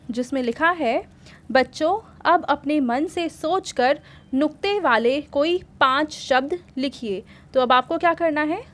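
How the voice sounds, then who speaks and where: A woman with a high voice teaches a worksheet lesson to young children. She goes patiently step by step and keeps asking her pupils simple questions as she explains. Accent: Hindi.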